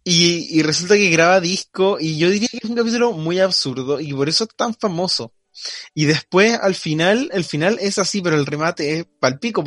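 A man's voice: a little high, fairly bright tone, no room sound, studio quality. A young man with a Chilean accent, chatting casually as a podcast co-host and retelling a cartoon episode in a rambling, slangy way. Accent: Chilean Spanish. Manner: rambling storyteller, slangy, laughs while retelling. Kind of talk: casual chat.

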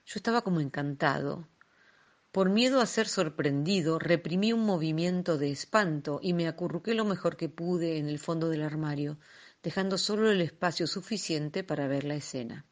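A woman reading a classic tale aloud in a measured, expressive storytelling manner. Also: sits low. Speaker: reader.

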